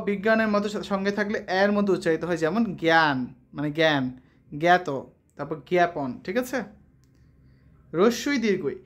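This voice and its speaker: A woman teaching a lesson, explaining step by step, asking questions and answering them herself, and reading example words one by one. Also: mid-range voice. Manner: often checks understanding with a rising question. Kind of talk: classroom lesson on letter pronunciation.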